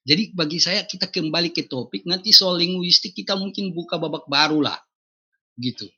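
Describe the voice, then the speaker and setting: Husky-voiced man moderating, dull lo-fi sound. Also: on the high side, a little fast. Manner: calm, formal, steers back to the topic. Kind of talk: moderating a debate. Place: online voice chat room.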